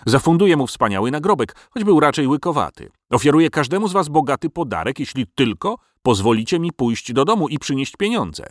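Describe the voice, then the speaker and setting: A man's voice: on the high side, very animated, a little fast, few pauses, no echo, clean studio sound, voice pushed up. A man voicing a cunning, cowardly male dragon who haggles to save his life in a storybook reading. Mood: wheedling. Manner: wheedling, bargaining.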